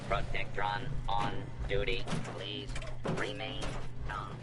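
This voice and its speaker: A gentle, flat caretaker robot. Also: male voice, on the low side, slow pace, loud music behind the voice. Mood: calm. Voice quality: flat, mechanical, soothing. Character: calm monotone male helper robot on duty. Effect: robotic voice filter. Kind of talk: video game voice acting.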